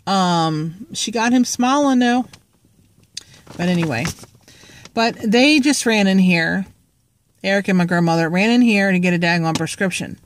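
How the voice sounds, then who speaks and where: A woman's medium-pitched voice comes a little slowly and pauses often. She's a vlogger in a parked car, phone at arm's length, chatting in a rambling, joking way with plenty of fillers.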